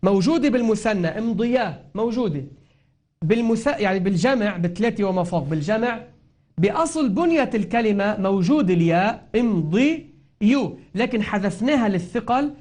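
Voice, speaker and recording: A man with a Lebanese Arabic accent gives a patient spoken lesson on recitation, and his voice sits noticeably high. He goes over each point more than once and stretches out the example words so they can be heard clearly. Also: animated, a little fast, a little mellow. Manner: explains patiently, repeating and drawing out example words. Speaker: Quran recitation teacher. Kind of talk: spoken grammar and tajweed lesson.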